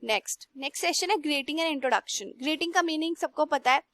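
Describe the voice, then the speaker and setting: A young woman teacher slowly reads textbook lines aloud and then explains them in Hindi. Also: high voice, fairly bright tone, dry recording. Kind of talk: classroom lesson.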